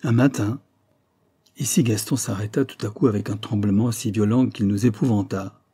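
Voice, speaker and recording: A man narrating an audiobook in a measured, dramatic storytelling manner. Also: on the low side, fairly even intonation, dark tone, breathy edge, no echo.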